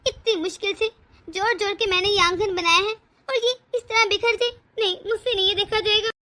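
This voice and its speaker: A woman's voice: extremely high pitch, fairly even intonation, a little fast, sharp tone. Woman voicing a fretful old mother-in-law. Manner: brooding, fretful. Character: worried elderly mother-in-law, head of the house.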